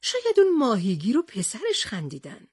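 Muddled old storybook professor, puzzled and hesitant, husky and lively, as a woman reader puts him on. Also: a little high, no echo, studio quality, exaggerated voice. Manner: bewildered, hesitant. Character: muddled, easily confused older male professor.

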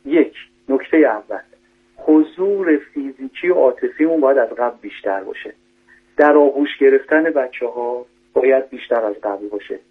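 Male doctor phoning in to radio, husky tone, tinny phone sound, methodical, lists numbered points. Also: mid-range voice. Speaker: doctor giving parenting advice. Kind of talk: radio call-in advice. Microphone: telephone.

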